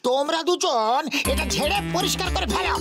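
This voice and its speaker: An actor voicing an excitable, complaining and scheming character in a comedy cartoon dub, with a whiny, dramatic delivery. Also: sits high, fairly quick, creaky. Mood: bossy, suggesting. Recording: loud music over the voice.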